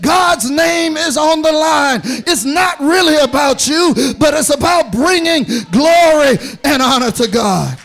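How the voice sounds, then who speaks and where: A male preacher with a strikingly high, gravelly voice. He delivers his sermon in a rhythmic preaching cadence and calls out to the congregation as he goes. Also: expressive, a little slow, few pauses, fairly bright tone, shouting.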